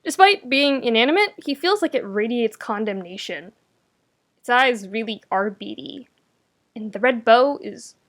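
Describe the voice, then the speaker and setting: A woman narrates fan fiction aloud as a podfic reader, giving a scripted, expressive audiobook-style reading with a wry, conversational, emphatic delivery. Her voice is mid-range with a fairly bright tone.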